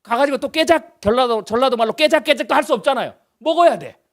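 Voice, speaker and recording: Man, 50s, guest preacher, revival sermon, very high-pitched voice, conversational, rhetorical questions, shifts from loud to hushed. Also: lively intonation, fast talker. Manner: swings between loud emphasis and near-hushed lines.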